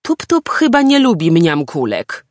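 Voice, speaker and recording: A woman voicing a small, cheerful male storybook creature who calls out eagerly in a high voice. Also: huge pitch swings, measured pace, a little mellow, dry recording, studio quality. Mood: earnest. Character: small cheerful male Pampiludek, curious and kind.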